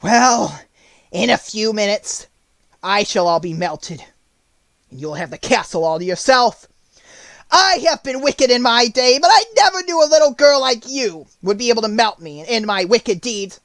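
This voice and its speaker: A woman voicing a wicked old witch in a storybook, with a shrill, wailing, theatrical delivery. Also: expressive, no echo. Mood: despairing. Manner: gloating, theatrical, drawn-out cries. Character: wicked old witch, cackling, greedy, shrieking in despair.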